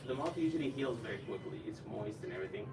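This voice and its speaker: A man's voice: on the low side, expressive, racing. Echoey, distant man explaining care. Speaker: medical staff explaining patient care. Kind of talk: informal medical consultation. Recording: echoey, distant, noisy room recording.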